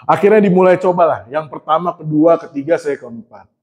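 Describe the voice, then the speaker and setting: A man's voice: fairly high pitch, expressive, fairly quick, a little mellow. A man preaching a sermon in a casual storytelling way, often turning to address his congregation and poking fun at himself. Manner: humorous and self-mocking.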